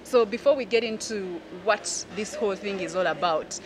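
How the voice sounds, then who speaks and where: A woman's voice: mid-range voice, moderate pace, noisy background. A young woman, interviewing in a friendly, chatty manner outdoors by a pool. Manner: friendly, chatty, laughs along. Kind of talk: casual interview. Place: outdoor poolside terrace. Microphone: handheld mic. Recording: outdoor ambience behind voice.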